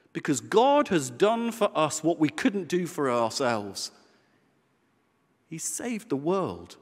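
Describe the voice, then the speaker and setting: A man preaching a sermon in a conversational, animated way, with self-deprecating humor. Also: sits high. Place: church. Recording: church hall reverb.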